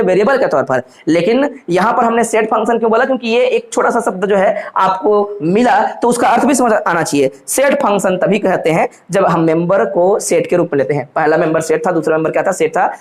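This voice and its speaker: A man lecturing on university mathematics, constantly posing questions to his students and answering them himself, calling them children. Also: sits high. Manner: addresses listeners fondly as children. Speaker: math lecturer. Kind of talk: classroom lecture in Hindi mixed with English terms.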